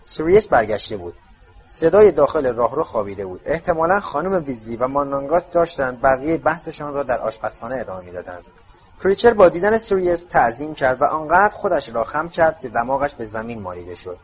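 A man narrating a story as an audiobook reader in a steady storytelling manner. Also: medium pitch. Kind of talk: scripted narration. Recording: dull lo-fi audio.

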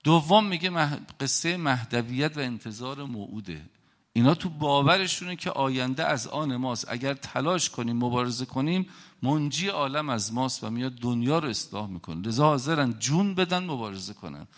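A man's voice: mid-range voice, animated. Impassioned middle-aged man preaching. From Iran. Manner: emphatic, dramatic storytelling with swings in loudness. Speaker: religious speaker. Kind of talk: impassioned religious lecture.

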